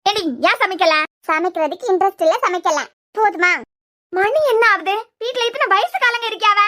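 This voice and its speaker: A performer voicing a quarrelsome cartoon housewife with a Kanyakumari Tamil accent, scolding in sharp retorts. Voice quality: very high, squeaky cartoon voice. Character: quarrelsome housewife of a joint family. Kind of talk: cartoon web series dialogue.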